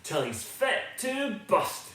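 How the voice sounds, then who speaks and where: In a very reverberant, echoey room, a man reads a children's picture book aloud in a high, pushed, bright voice. He is very animated but slow, and his delivery is theatrical, sing-song and inviting.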